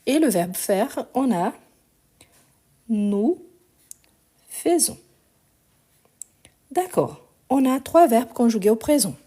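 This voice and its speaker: Her voice is a little high, dark and husky, and slightly weak on this phone recording. As a French teacher leading a live online grammar lesson, she explains things patiently one step at a time, spelling out the endings letter by letter.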